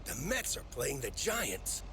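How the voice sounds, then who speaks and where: An actor playing a friendly middle-aged mail coworker in a story game, with a husky, easygoing voice. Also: male voice, mid-range voice, big pitch swings, unhurried, music in the background.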